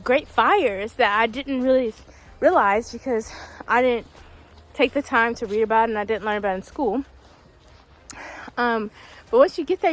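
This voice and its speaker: A young woman talking casually while walking a quiet wooded trail in winter, a little out of breath, with many ums. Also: a little high. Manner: chatty, laughs often, many ums. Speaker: vlogger.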